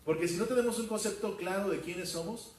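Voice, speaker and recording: A pastor giving a verse-by-verse sermon, asking his congregation questions and filling pauses with hesitations. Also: high voice, a little mellow. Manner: questions the congregation, many fillers. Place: church hall. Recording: roomy hall from far off.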